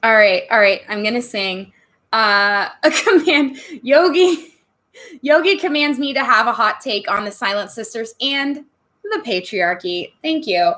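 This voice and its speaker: A woman with a fairly high, animated voice speaks a little slowly, her tone bright and forceful. She's hosting a casual livestream, chatting with viewers and answering their questions, giggling often between answers. She sips wine on stream and jokes about getting tipsy.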